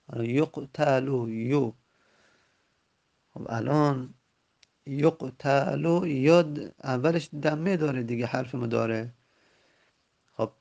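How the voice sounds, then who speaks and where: A man teaching grammar from a textbook, patiently repeating word forms and spelling them out slowly. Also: medium pitch, creaky, a little mellow, dull audio. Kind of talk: recorded lesson explaining a textbook.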